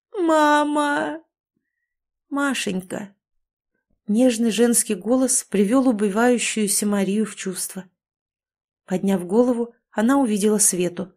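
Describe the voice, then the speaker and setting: A woman narrates an audiobook in a measured, expressive voice. Her pitch sits in the middle range. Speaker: audiobook reader.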